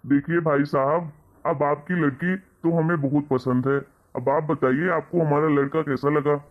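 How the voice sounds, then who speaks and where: A man's voice: a little high, steady tone, normal speed, narrow, tinny audio, natural voice. A man voicing an authoritative middle-aged father in a cartoon story, firm and commanding. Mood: polite. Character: middle-aged father, authoritative, short-tempered head of house.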